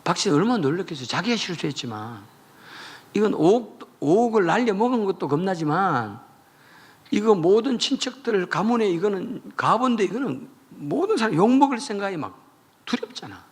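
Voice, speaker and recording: Lively pastor preaching a revival. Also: male voice, sits high, moderate pace, husky. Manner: animated storytelling, acts out voices. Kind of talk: revival sermon.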